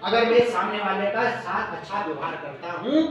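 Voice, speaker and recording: A high-pitched male teacher speaks, coaxing his pupils with question after question. He is heard from across an echoey classroom. Children murmur around him. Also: moderate pace, far from the mic, muffled recording, crowd noise. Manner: call-and-response questioning of pupils. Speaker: schoolteacher. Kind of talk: classroom poetry explanation. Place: village school classroom.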